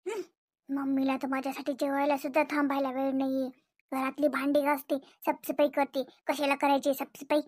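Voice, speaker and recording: A woman voicing a sulking, complaining teenage schoolgirl in an animated cartoon, with a Varhadi Marathi accent. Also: very high voice, fairly quick, dry recording, clean studio sound. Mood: sulky. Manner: whiny, complaining.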